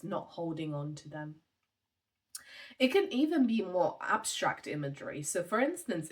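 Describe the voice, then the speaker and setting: A woman mindfulness teacher explains a meditation technique in a gentle, measured voice that sits a little low. She pauses on soft fillers as she talks. Her voice sounds set back from the microphone. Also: far from the mic. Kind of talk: calm explanatory talk on meditation.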